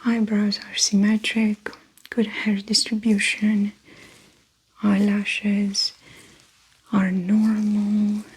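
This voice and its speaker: Brief: young woman, very breathy soft whisper, slow unhurried delivery, calm clinical ASMR doctor roleplay. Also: mid-range voice, poor audio. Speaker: ASMR performer playing an examining doctor. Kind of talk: ASMR medical exam roleplay.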